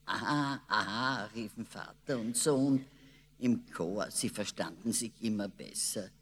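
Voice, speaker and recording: Slow, expressive male storyteller. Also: fairly low pitch, a little hiss or hum. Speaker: narrator. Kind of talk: storybook reading. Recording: long reverb.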